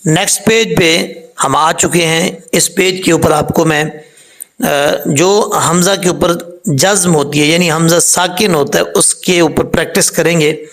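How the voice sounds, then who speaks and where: High, gravelly male recitation teacher. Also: steady tone, fairly bright tone. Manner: patient, repeats common mistakes and corrections; slowly spells out letters and vowel marks. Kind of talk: step-by-step tajweed lesson.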